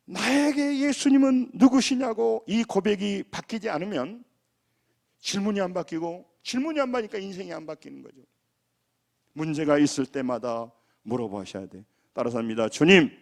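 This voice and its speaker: Animated Korean pastor preaching. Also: male voice. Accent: Gwangju Jeolla. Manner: animated preaching, shifts from shouted calls to low quiet close. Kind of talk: sermon. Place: church sanctuary.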